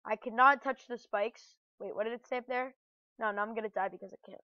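A woman's voice: a little high, fast talker, sharp tone, dry recording. A woman playing a platform game and commentating casually, getting flustered and exclaiming at the game. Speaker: gamer. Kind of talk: let's play commentary. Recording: dull lo-fi dry recording.

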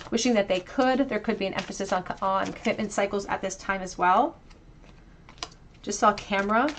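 A woman reads tarot cards for her viewers in a gentle, reflective way, speaking straight to them. Her voice sits at a middling pitch for a woman. A faint hiss lies under the recording. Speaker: tarot reader. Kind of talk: pick-a-card tarot reading.

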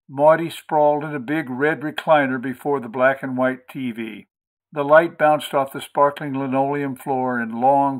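A man narrating a book chapter for a podcast. His reading is steady and measured, with a voice of ordinary middle pitch. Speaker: audiobook host and reader. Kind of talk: audiobook narration.

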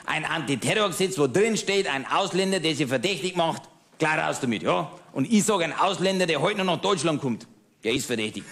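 A man's voice: a little high, animated, fairly quick, background noise. A cabaret comedian playing a bigoted, middle-aged Bavarian man who rants smugly and keeps asking "verstehst?", speaking with a Bavarian accent. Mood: scornful. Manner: ranting, self-satisfied, keeps asking "verstehst?". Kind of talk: cabaret monologue.

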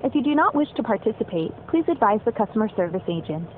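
A woman's recorded phone menu message, a polite, measured scripted announcement for a customer service line. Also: on the high side, big pitch swings. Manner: polite, measured, evenly paced. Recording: tinny phone line with faint hiss.

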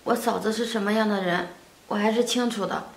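A young woman playing a pregnant daughter who speaks softly and politely. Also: medium pitch, fairly even intonation, fairly quick, gravelly, roomy sound, lightly acted, poor audio. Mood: subdued. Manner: soft, subdued, polite. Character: gentle pregnant young woman cast out by family.

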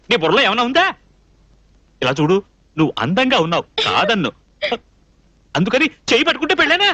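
In a Telugu film comedy scene, a young man plays a flustered bachelor who scolds in rapid, exasperated bursts with comic outbursts. His voice is high, pushed and bright, a full character voice with no room sound.

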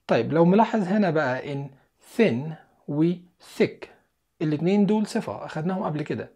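An English teacher with an Egyptian Arabic accent leads a beginners' lesson, talking in an animated, up-and-down voice. The explanations come in Egyptian Arabic, and the English words and sentences are said slowly and clearly. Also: medium pitch.

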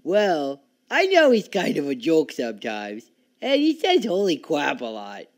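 A man's voice: fairly high pitch, wildly swooping pitch, unhurried, dry recording, clean studio sound, full character voice. A man voicing a cheerful, clueless cartoon athlete with a goofy, naive, drawling delivery. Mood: wistful. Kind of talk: cartoon voice acting.

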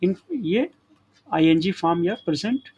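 Male grammar teacher, slightly high voice, patient classroom explaining, faint hiss. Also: lively intonation, unhurried, dark tone, muffled recording. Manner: addresses students as children, frequent checking tags. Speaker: English teacher.

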